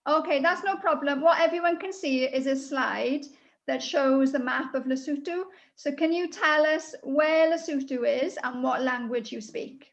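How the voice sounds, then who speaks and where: A woman with a high voice hosts an online school event over a video call, casually prompting participants at a moderate pace. The video-call audio sounds dull.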